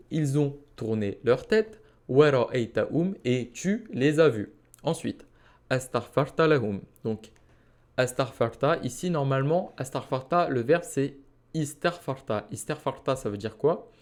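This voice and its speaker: A man's voice: medium pitch, lively intonation, a little mellow. Man teaching Arabic verse by verse. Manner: patient explaining, reciting Arabic phrases slowly. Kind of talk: Quranic Arabic lesson.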